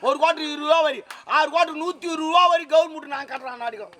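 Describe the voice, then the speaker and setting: A man's voice: very high-pitched, very fast, pushed and bright. A man playing a cheeky grown son who teases his mother in a Tamil street-theatre comedy, with boastful, bantering talk.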